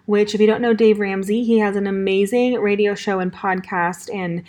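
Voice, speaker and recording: A young woman with a California Valley Girl accent chats on her solo podcast. She sounds upbeat and bubbly, dropping casual fillers as she goes, in a voice of ordinary pitch for a woman. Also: fairly even intonation, normal speed, a little mellow. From Southern California. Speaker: podcast host.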